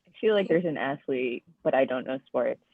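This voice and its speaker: A woman's voice: rumbling low, animated, moderate pace, breathy edge, dry recording. A woman in the class offering a suggestion in a tentative, laughing way, heard over a call. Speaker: class participant. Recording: tinny phone-like line.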